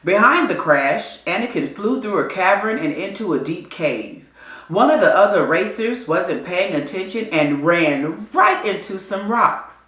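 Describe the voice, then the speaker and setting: A woman reads a children's adventure story in an echoey room, her bright voice crisp and full of lively pitch swings. She takes her time, delivering the scripted narration with deliberate drama.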